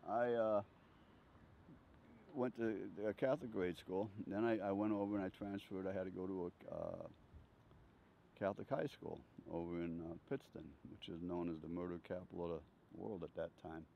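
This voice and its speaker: Older man, deep and gravelly, telling his life story with chuckles; outdoors on a handheld mic. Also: steady tone, normal speed. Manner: chuckling, rambling anecdotes with frequent laughs. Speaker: interviewee. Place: outdoors on a bench. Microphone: handheld furry-windscreen mic held near chest. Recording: slightly dull sound, faint outdoor noise.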